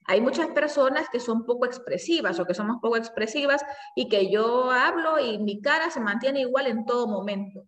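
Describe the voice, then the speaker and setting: A woman teacher lectures a class, posing questions and answering them herself, sometimes stopping to correct a word. Her voice sits a little high and reaches the mic from across the room. The room is echoey, with a long reverb trailing her words. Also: lively intonation, normal speed, distant mic, a little hiss or hum. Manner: explains step by step, asks and answers her own questions; self-corrects with fillers.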